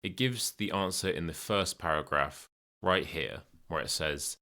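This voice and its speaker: Male exam tutor, modern British accent. Deep register with a crisp bright edge, instructional read-aloud delivery. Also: measured pace. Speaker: English exam teacher. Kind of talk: scripted instructional narration, reading aloud and explaining.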